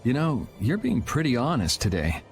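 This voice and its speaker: A man's voice: medium pitch, wildly swooping pitch, moderate pace, vocal fry. Yuri, a cool, wry young man. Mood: calm, teasing. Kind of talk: English game cutscene voice acting. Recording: music behind the voice.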